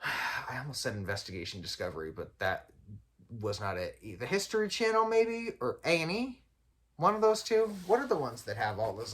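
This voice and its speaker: A man's voice: mid-range voice, a bit bright. A young man hosting a podcast at home, reading aloud and drifting into rambling, self-interrupting chat with frequent chuckles. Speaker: podcast host.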